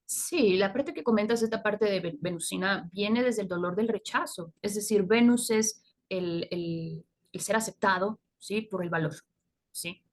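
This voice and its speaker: A woman teaching astrology in a live session, her voice sitting at a middle pitch. She explains patiently and keeps checking in with her listeners, and now and then she laughs at her own points. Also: a little slow.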